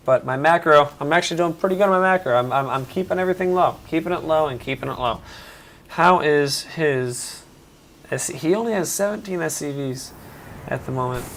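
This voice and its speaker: A man's voice: medium pitch, vocal fry. A man casually commentating his own strategy game match, rambling and often correcting himself. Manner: rambling, self-correcting, chatty.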